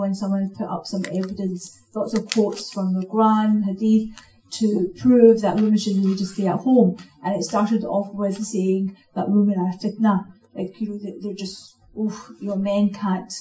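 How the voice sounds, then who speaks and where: A woman's voice: mid-range voice, dark tone. A woman on a panel speaking earnestly, building to rallying calls. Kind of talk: panel talk. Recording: distant voice in an echoey hall.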